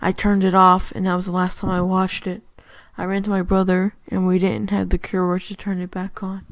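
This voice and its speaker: Female horror reader, flat delivery, dead-dry booth sound. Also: lowish voice, moderate pace, no echo, poor audio. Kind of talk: scripted horror narration.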